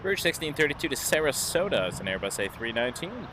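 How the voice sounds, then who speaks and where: A man hosts a live plane-spotting stream, offering casual running commentary in a fairly high, sing-song voice at a fast pace. Heavy outdoor or airfield noise fills the background.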